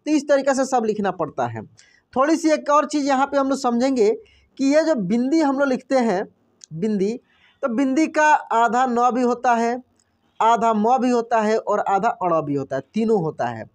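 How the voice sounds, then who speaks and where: A male teacher works through a reading lesson at a patient, unhurried pace. He sounds out each word slowly, repeats it, and stops often to ask what was just written. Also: extremely high pitch, expressive. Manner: spells out words slowly, repeats them, quizzes the listener. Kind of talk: classroom-style reading lesson.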